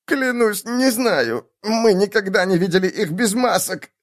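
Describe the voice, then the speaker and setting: A man voicing a frightened male cultist agitator who whimpers and pleads in a high, panicked squeak. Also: sing-song, normal speed. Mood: terrified, pleading.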